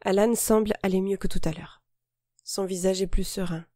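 Calm woman reading a novel aloud. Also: medium pitch, no echo, clean studio sound. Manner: calm, measured, intimate reading. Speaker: audiobook narrator and author. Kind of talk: first-person novel narration.

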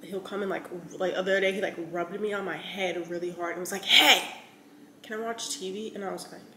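A woman in her thirties, a lifestyle vlogger, chats casually to a camera set on the counter of her large, bright kitchen, shot mid-frame. She rambles with many fillers in a steady, sharp, medium-pitched voice at a fairly quick pace, her throat a bit scratchy, and the room echoes with faint noise.

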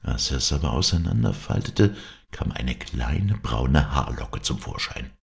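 Very deep gravelly male narrator. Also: big pitch swings, measured pace. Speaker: audiobook narrator. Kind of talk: fairy tale reading.

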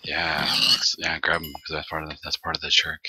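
A man chatting casually and excitably while playing a game with a friend, laughing often. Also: a bass voice, brisk. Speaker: co-host of a gaming channel. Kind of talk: casual gameplay chat. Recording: noisy background.

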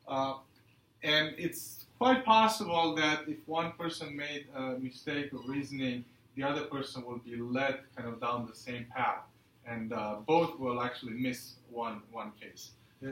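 A man giving a university lecture, halting with many fillers and putting questions to the class. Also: a little high, a bit bright. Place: lecture hall. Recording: echoey lecture hall.

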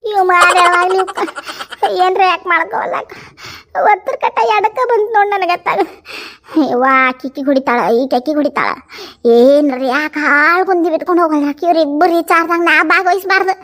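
A woman with a North Karnataka accent acts out a village comedy skit. Her voice sits very high, and she pleads dramatically, laughing and crying through her lines. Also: fairly even intonation, brisk, a bit bright. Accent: North Karnataka Kannada. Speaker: comedy sketch performer.

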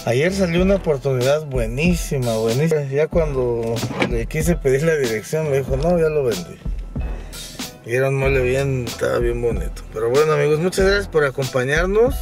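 Brief: Mexican Spanish man, casual family vlogger, mid pitch, music bed. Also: fairly quick, hardly any pauses. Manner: friendly, chatty, addressing viewers as friends. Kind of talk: casual vlog chat. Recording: music playing in the background.

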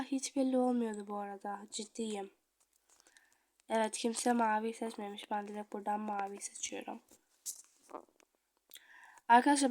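A young woman chatting casually through her gameplay as a video creator, dramatic, drifting between murmurs and loud outbursts. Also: fairly high pitch, no room sound.

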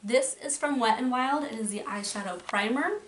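A woman's voice: on the high side, moderate pace. A woman talking casually through a makeup declutter, rambling a bit and restarting her thoughts, in her bedroom. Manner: rambling, chatty, trails off and restarts. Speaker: beauty vlogger. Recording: roomy, from a distance, faint noise.

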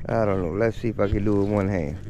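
Outdoors on a bayou, a vlogger with a handheld camera talks casually and easily to his son and his viewers. His voice is fairly low, fast and mellow, with a little hiss or hum.

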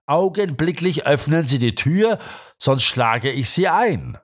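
A man voicing an excitable, blustering male police inspector who grumbles and flares up quickly. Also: on the high side, voice pushed up, heavily acted. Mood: furious. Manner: gruff, quick to anger.

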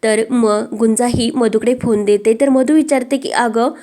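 Woman recapping a tv serial episode, kinda high voice, chatty, lots of filler links. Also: steady tone, normal speed, warm tone. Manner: chatty, strings events together with frequent linking fillers. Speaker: narrator retelling a TV serial episode. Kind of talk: casual spoken story recap.

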